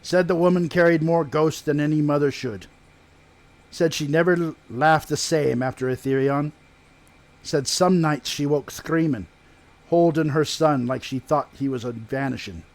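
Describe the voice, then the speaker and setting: A man's voice: on the high side, normal speed, a little mellow, close to an everyday voice. Man acting folksy male blacksmith, rustic dialect, proud, gossipy fireside storytelling, tabletop fantasy game. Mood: wistful, heavy. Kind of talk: in-character tabletop role-play storytelling.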